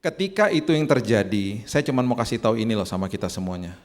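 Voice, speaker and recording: A middle-aged man from Indonesia preaching a sermon as pastor, telling stories with lively swings and acting out the voices of other people. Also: lowish voice, quick pace. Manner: animated storytelling, acts out voices of others.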